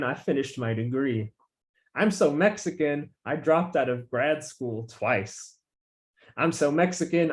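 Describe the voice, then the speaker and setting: A young man, the featured poet, speaks in a fairly high voice, chatting loosely and relaxed with many filler words. When he reads his poems, he leans on an emphatic, rising refrain.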